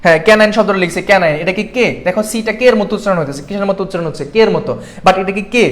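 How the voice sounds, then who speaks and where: A young man from Bangladesh tutoring students in a live online class, asking them questions and checking in with them often. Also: high-pitched. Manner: quick, keeps checking in with the class. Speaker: admission exam tutor.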